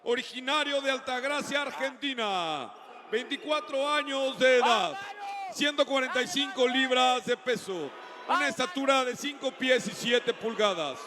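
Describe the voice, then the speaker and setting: A man announcing fighters in Spanish in a booming, drawn-out, formal lucha libre ring announcer style. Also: in a large hall. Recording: faint noise, live arena announcement.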